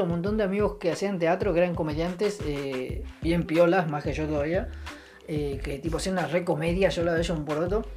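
A man's voice: high-pitched, darkish tone. Rambling young Rioplatense guy telling stories. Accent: Argentine Rioplatense Spanish. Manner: meandering, full of restarts and fillers, chuckles at his own jokes; sarcastic, offhand. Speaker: comedian. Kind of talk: rambling stand-up storytelling monologue.

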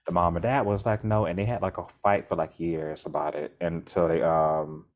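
This podcast co-host has a deep voice and a moderate pace. His casual talk wanders, with frequent restarts and sudden lively spurts.

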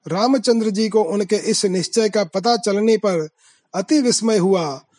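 A man reciting scripture verses in a chanting manner, then reading out their translation in a measured way. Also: high voice, a little mellow. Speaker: scripture reader.

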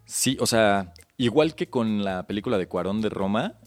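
A man's voice: lowish voice, expressive, moderate pace, soft background music. A man with a Mexican accent co-hosting a podcast, chatting casually about films in a slangy, explanatory way. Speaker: podcast co-host.

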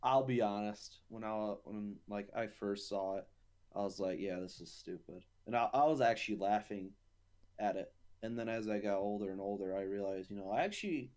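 A man's voice: on the low side, moderate pace, a little mellow. A young man co-hosting a podcast in casual chat, playful and teasing, often laughing. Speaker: podcast co-host.

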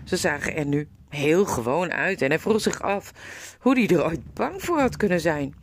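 Expressive woman reading a story aloud. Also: low voice, normal speed, soft background music. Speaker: narrator.

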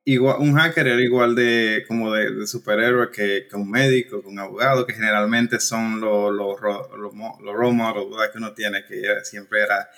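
A man's voice: on the low side, steady tone, normal speed, few pauses, sharp tone. A Dominican man in his thirties, a guest chatting casually about his life and work, with many restarts and fillers. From Dominican Republic. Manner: conversational, frequent restarts and fillers. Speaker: guest, cloud engineer. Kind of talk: casual interview chat.

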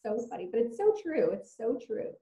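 A woman's voice: a little high, big pitch swings, brisk, mellow, dull audio. Earnest Polish-born woman guest, echoey. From Poland. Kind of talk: casual interview chat. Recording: echoey room.

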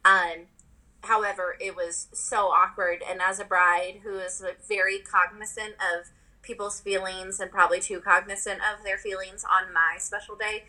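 Young woman co-host, bright and forceful tone, candid and profane, quick to laugh. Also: medium pitch, flat delivery, low-quality recording. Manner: candid, laughs often, swears casually. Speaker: podcast co-host. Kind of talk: casual chat.

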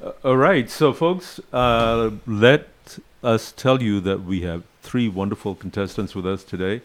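A man co-hosts a live radio show casually, with halting, wry banter. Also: lowish voice. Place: radio studio.

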